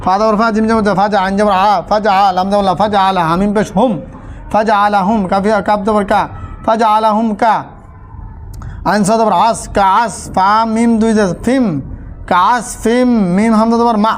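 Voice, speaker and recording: A man teaching a Quran spelling lesson, chanting letters and syllables slowly and repeating them in a steady drill. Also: high-pitched. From Bangladesh.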